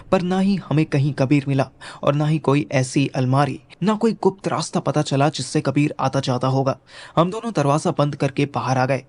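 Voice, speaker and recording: A man's voice: a little high, darkish tone. A young man narrating a first-person audio story in a wry, casual manner.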